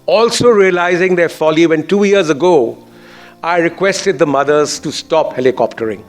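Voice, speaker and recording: Posh Indian-accented man, higher-pitched, giving a speech. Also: normal speed, soft background music. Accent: educated Indian English. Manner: earnest, emphatic phrasing. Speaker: school board chairman giving a speech. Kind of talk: formal public speech.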